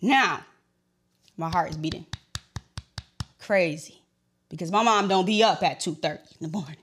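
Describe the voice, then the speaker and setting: A woman's voice: fairly low pitch, moderate pace, a little hiss or hum. Emotional young woman telling a story. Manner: emotional, shifting between loud and hushed. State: voice getting shaky. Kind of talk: personal storytelling to camera.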